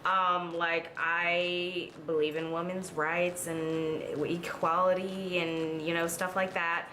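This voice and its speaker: A woman's voice: lowish voice, little pitch movement, slow pace, sharp tone, slight background noise. Chatty young woman, rambling vlog talk. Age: 20s. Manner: rambling, chatty, lots of fillers. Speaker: beauty vlogger. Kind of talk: casual chat while doing makeup. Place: at home in front of a mirror.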